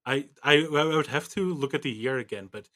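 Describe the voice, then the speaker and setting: Podcast co-host who rambles into self-mocking tangents at an average pitch. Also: male voice, fairly quick, pushed and bright. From Netherlands. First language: Dutch. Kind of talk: casual chat.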